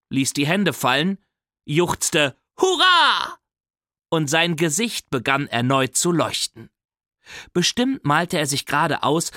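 A man reading a children's story aloud as a young boy's first-person narration, animated and playful. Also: on the high side, no echo, studio quality. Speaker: audiobook reader.

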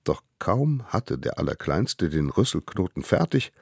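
A man reading a children's story aloud, in a lively, animated storytelling manner. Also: sits low, unhurried, gravelly, breathy edge, no echo, studio quality. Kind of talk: expressive children's story narration.

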